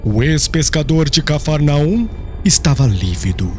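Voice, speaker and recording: A man with a fairly high, dark-toned, very animated voice, speaking a little slowly, delivers solemn and formal scripted religious narration for an audiobook. Glockenspiel-like music can be heard in the background.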